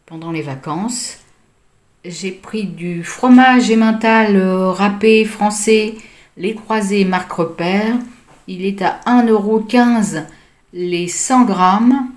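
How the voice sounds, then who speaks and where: A woman's voice: mid-range voice, darkish tone. A woman, likely middle-aged, casually walking through her grocery haul in a vlog, hesitant with many fillers as she reads out prices.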